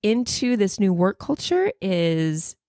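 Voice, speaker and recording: A woman's voice: medium pitch, very animated, takes it slowly, mellow, no room sound. Woman from the us hosting a podcast, chatty and upbeat, dry close mic. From United States. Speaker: podcast host. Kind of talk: casual conversational podcast chat.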